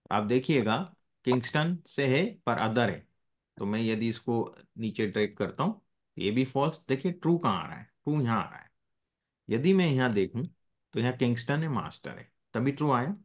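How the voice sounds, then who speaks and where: A male teacher taking a live class, with a voice that rises and falls a lot as he explains. He mixes in English phrases and keeps stopping to check that everyone is following. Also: mid-range voice.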